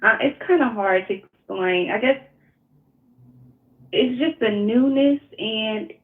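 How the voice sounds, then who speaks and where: A woman's voice: fairly high pitch, slow. A woman with a Mississippi accent speaking hesitantly and personally as a caller seeking coaching, searching for her words. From Mississippi, United States. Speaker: call-in coaching client. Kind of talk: personal, unscripted phone conversation. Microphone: phone call. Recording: tinny narrow-band phone line.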